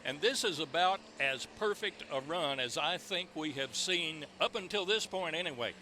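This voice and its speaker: Over a noisy outdoor track filled with ambience and vehicle engines, a male tractor pull announcer delivers play-by-play at normal speed. His fairly high voice has lively intonation and a bright, forceful tone as he introduces and recaps in a presentational manner.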